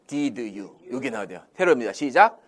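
A man with a medium-pitched voice teaches English in Korean at a moderate pace in a classroom-style language lesson. He drills phrases through call-and-response questions and acts out Korean example sentences in a lively voice.

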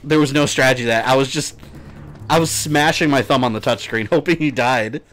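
A man's voice: mid-range voice, brisk, a bit bright. A man from Puerto Rico chatting casually and swearing while he streams a game. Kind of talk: live gameplay commentary. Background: game music and gunfire.

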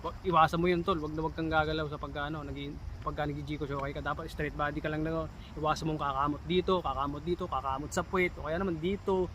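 Talking fast and steadily in a fairly bright voice on the high side, a thirtysomething Filipino vlogger shares job interview tips. He's chatty, stresses his warnings, and keeps calling his audience "tol," with slight noise in the background.

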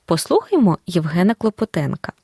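Lively, clear woman teacher. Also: fairly low pitch. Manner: clear, deliberate explanation of grammar rules. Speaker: Ukrainian language teacher. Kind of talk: scripted audio lesson narration.

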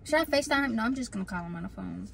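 High-voiced woman, breezy and chatty. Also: expressive, racing, vocal fry, fairly bright tone. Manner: breezy, casually chatty, acting oblivious. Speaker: girlfriend and mother. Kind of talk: casual prank vlog chat. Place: inside a parked car.

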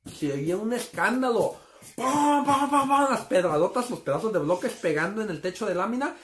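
A man's voice: sits high, animated, a little fast, reverberant. A man casually telling a story to his listeners, calling them friends and acting out the sound effects. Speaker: storyteller host.

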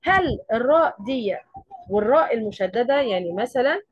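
A woman's voice: a little high, animated, a little fast, slightly rough, no echo, highs cut off. A woman with an Egyptian accent teaching a tajweed lesson. She explains step by step and often asks questions and then answers them herself. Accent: Egyptian Arabic. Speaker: Quran recitation teacher.

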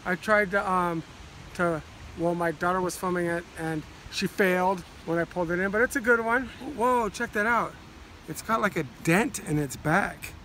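A high-voiced father in his forties speaks at a moderate pace, with a little hiss or hum, while narrating a fishing vlog on a phone camera held at arm's length. He's relaxed and rambling, full of ums, moving from inside a parked car to a river dock outdoors.

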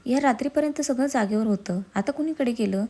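A woman voicing a calm, dryly sarcastic middle-aged mother-in-law in a storybook reading. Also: fairly high pitch, a little fast, voice pushed up, close to an everyday voice. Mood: wry. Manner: dry, sarcastic.

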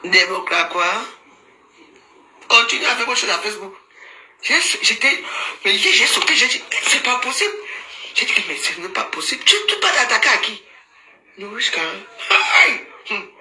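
On a casual Facebook live stream, a female social media commentator teases and mocks, laughing often and tossing in scolding asides. Her voice is fairly high, animated and sharp, at normal speed. The room echoes, with faint background noise.

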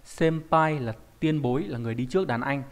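A man's voice: medium pitch, fairly quick. A man giving a recorded online lesson as a Japanese teacher, explaining patiently and often stopping to ask rhetorical check questions.

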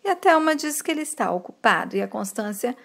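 A woman from Brazil retelling a soap opera episode, reading out the characters' lines with lively shifts in delivery. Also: on the high side, fast talker, creaky.

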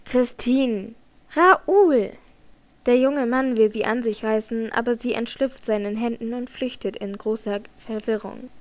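A woman reads a classic novel aloud as an audiobook narrator. Her voice is fairly high and her delivery measured, with a steady dramatic flow. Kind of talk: scripted narration.

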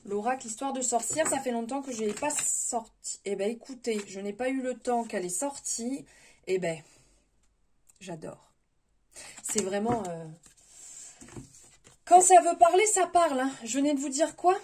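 A woman giving a spontaneous spiritual tarot reading, gentle and advising, often hesitating and restarting her words. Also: a little high, animated, normal speed, slight background noise. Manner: hesitant, many fillers and restarts. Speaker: tarot reader.

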